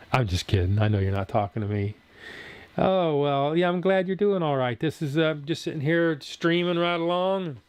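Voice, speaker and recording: Reading chat comments out loud and answering them while he meanders, a Southern Ohio man in his sixties hosts a live stream for his food channel. His slightly high voice comes through with no echo.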